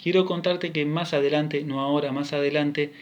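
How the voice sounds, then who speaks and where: A man's voice: a little high, fairly even intonation, moderate pace, lo-fi sound. A man with a Rioplatense Spanish accent, a music teacher giving a recorded class, counting steps and singing rhythm syllables as he explains.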